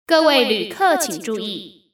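A woman teacher reading flight notices as a female airport announcer, in a formal, measured way, as if over an airport intercom. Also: a little high, very animated. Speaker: Chinese teacher. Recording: roomy, distant-miked echo.

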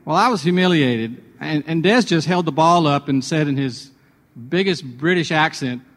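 Radio guy telling a devotional story, kinda high voice, chatty, lots of echo. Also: normal speed, fairly bright tone. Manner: chatty, self-deprecating, with restarts. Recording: long hall reverb.

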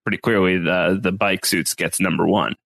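A man's voice: low voice, steady tone, moderate pace, vocal fry, a bit bright. A man co-hosting a podcast, recapping a show in casual chat and breaking into comic impressions. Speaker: podcast co-host.

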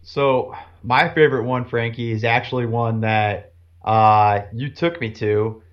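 A man's voice: mid-range voice, fairly even intonation, measured pace. Easygoing man on a dull recording. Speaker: podcast co-host. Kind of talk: casual chat.

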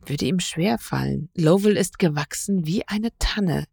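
A woman reading a literary story aloud in a measured, even storytelling way. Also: lowish voice, gravelly, husky, dry recording, studio quality. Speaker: reader. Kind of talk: scripted narration of a literary story.

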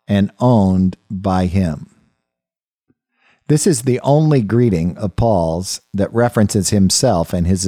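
A man's voice: lowish voice, warm tone, no echo, studio quality. A man teaching a Bible study lesson in a thoughtful, conversational way, often restarting phrases and turning aside to the listeners. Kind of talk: unscripted Bible study lecture.

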